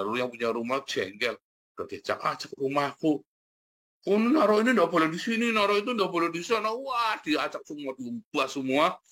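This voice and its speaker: A man delivers a sermon as pastor, his voice bright and forceful. He is animated, leaps up in pitch for emphasis and laughs often as he addresses the congregation directly.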